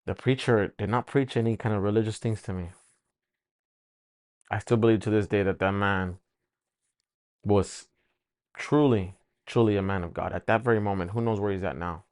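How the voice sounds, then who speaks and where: Low-voiced man giving an emotional testimony. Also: steady tone, darkish tone, clear, resonant tone, no echo, clean studio sound. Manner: emotional, halting, repeats words. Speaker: testimony speaker. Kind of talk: personal faith testimony.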